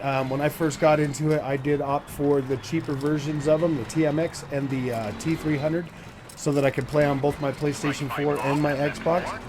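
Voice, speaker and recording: A man in his forties, fairly high-pitched and steady, speaks at a normal speed as he plays a racing game on his gaming channel. He chats casually and rambles with lots of fillers over a noisy background of engine sounds.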